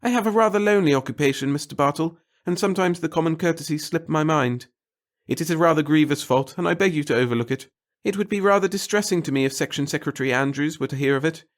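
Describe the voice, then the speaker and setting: A man voices a fussy little male clerk in a sci-fi audiobook, pitching his voice up high. The character is obsequious, pompous, apologetic, and fussy, delivered fast and lightly acted in a florid, babbling style.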